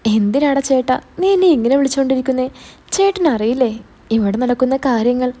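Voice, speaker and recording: A woman's voice: high-pitched, lively intonation, fairly quick, dark tone. A woman voicing an anxious, cheeky young sister who talks in a worried, pleading way.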